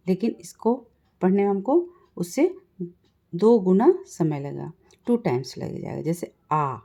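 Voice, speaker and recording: Slow, mellow woman teaching grammar. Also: medium pitch. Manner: explains slowly, repeats points, asks and answers own questions. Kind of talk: classroom-style lesson explanation.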